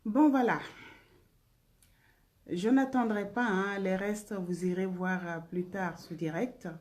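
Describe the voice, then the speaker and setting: A woman's voice: mid-range voice, fairly even intonation, takes it slowly, darkish tone. A woman singer hosting a casual live stream, greeting viewers by name and blowing them kisses between remarks.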